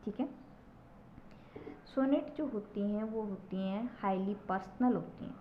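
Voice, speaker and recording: A woman teacher slowly explaining poetry to a class, repeating key terms and often checking "okay?". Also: mid-range voice. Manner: slow, repetitive explaining with frequent checks of "ठीक है". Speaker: English literature teacher. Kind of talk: classroom lecture. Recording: dull lo-fi recording with faint noise.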